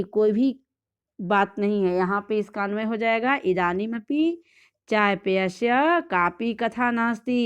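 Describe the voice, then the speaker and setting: A woman's voice: on the high side, smooth, dull audio. A woman teaching a Sanskrit textbook lesson, reading each line and then explaining it word by word.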